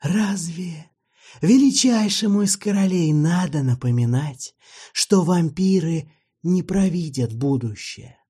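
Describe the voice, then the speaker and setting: A man doing a soft-spoken, courtly old vampire. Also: fairly high pitch, husky, voice pushed up. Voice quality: soft, half-whispered, drawn-out. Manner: slow, ornate, mournfully polite. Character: ancient weary male vampire, courtly, gently ironic.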